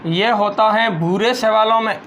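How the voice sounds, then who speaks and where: A male teacher giving a school biology lesson, slowly dictating notes and repeating phrases for students to write down. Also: high-pitched, steady tone, a bit bright, a little hiss or hum.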